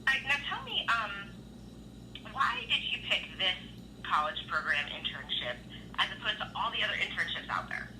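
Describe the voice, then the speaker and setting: A woman's voice: medium pitch, sing-song, moderate pace. A woman interviewing a job candidate over the phone, reading out structured questions, heard through a speakerphone. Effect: phone call on speakerphone. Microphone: phone line played through a speakerphone. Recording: noisy phone call on speaker.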